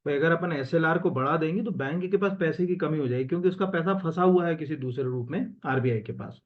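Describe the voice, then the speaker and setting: Speaking fast in a fairly high voice over dull audio, an exam coaching teacher shares his screen and walks through answers in Hindi sprinkled with English terms. His style is casual and conversational, with frequent fillers and self-corrections.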